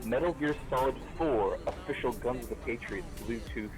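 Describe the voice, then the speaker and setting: A man on a casual stream call talks through his cell phone and a cheap Bluetooth speaker, so his voice comes out tinny and muffled; he rambles with halting restarts while moving around a room. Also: mid-range voice, music in the background. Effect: tinny, muffled sound through a cheap Bluetooth speaker. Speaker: stream guest. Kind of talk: casual chat. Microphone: cell phone over Discord via Bluetooth speaker.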